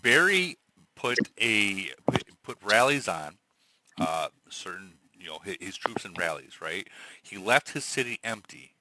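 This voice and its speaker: A man hosting a casual game stream, walking through a play step by step with excitement. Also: fairly low pitch, unhurried, very noisy. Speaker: streamer host.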